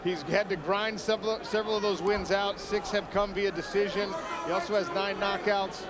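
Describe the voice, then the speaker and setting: A man's voice: sits high, fairly even intonation, moderate pace. A man calling a fight live as a play-by-play commentator. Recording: very noisy arena, loud crowd. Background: roaring arena crowd.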